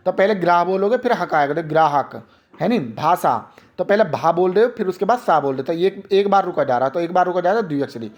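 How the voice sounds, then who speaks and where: High-voiced man teaching a grammar lesson. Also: a little mellow. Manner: asks questions then answers them himself; drills examples by repeating them slowly. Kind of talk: exam-prep grammar lesson.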